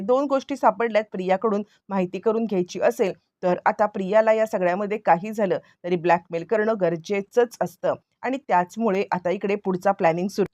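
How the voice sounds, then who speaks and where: A woman tells an excited recap of a TV serial, pausing with filler sounds. Her voice sits at a middle pitch. The recording is muffled and dry, close to the mic. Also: dry recording.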